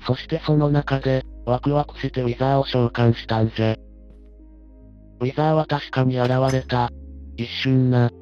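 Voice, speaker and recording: A man's voice: medium pitch, steady tone, normal speed, pauses often, a little mellow, smooth, close to an everyday voice. A man playing a grumbling old grandpa gamer. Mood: rueful. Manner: stock old-man speech endings. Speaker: co-player. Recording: dull lo-fi sound with faint music.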